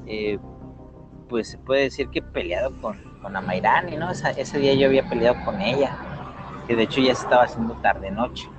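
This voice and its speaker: A man's voice: mid-range voice, a little fast, muffled recording, over loud music. A man with a Mexican accent telling paranormal stories in a casual chat, acting out quotes and sound effects. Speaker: storyteller guest.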